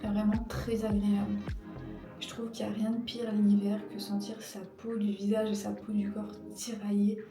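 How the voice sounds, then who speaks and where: A woman's voice: mid-range voice, completely flat delivery, moderate pace. A woman in her thirties giving a casual skincare tutorial, hesitant and full of fillers as she searches for words. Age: 30s. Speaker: beauty vlogger. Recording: echoey room, mic at a distance, music behind.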